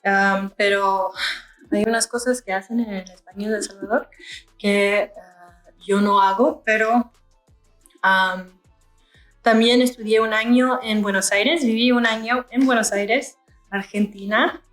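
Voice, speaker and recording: A woman's voice: mid-range voice, fairly even intonation, a little slow, long pauses, a bit bright, echoey room, soft background music. A young woman from Canada chatting casually while doing her makeup, musing aloud with many fillers. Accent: France-style French learned in Canada. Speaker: beauty vlogger. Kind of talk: casual get-ready-with-me chat.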